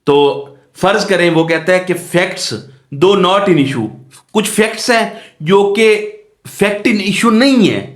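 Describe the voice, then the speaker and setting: A law lecturer, a man with a high-pitched voice, speaks slowly in an explanatory lecture that mixes in English legal terms. His manner is didactic, repeating phrases and asking rhetorical check questions, and the recording sounds echoey and roomy.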